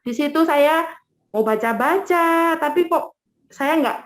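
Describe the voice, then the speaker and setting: Woman with a high voice sharing her testimony, lively storyteller, echoey room. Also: takes it slowly. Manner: lively storytelling, often acts out what others said. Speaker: guest giving a conversion testimony. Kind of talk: emotional personal testimony to an interviewer.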